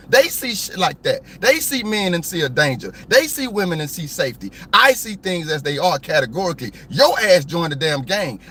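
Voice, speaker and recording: A man's voice: high-pitched, fairly bright tone, a little hiss or hum. A man hosting a live stream, ranting hotly and with plenty of profanity. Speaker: copwatch channel host.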